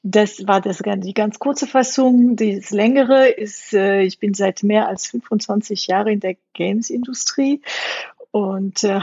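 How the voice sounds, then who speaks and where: A woman's voice: medium pitch, vocal fry, a little mellow, slightly rough, no room sound, lo-fi sound. A middle-aged woman from France with a French accent, a games industry guest in an interview, speaking hesitantly with many fillers.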